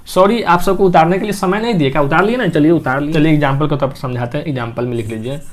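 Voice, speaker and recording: A man's voice: fairly high pitch, quick pace. A man teaching a maths class, explaining step by step and asking and answering his own questions. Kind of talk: classroom lesson.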